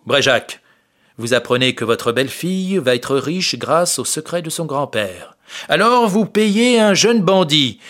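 A man voicing an arrogant male police inspector who boasts, gloats and gives orders in a raised, higher voice, read as an audiobook character. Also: a bit bright. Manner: boastful, triumphant, commanding.

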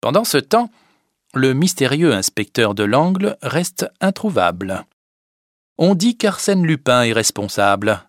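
Male audiobook narrator, slow and animated pitch, dry close sound. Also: no echo. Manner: slow, clear, deliberate reading.

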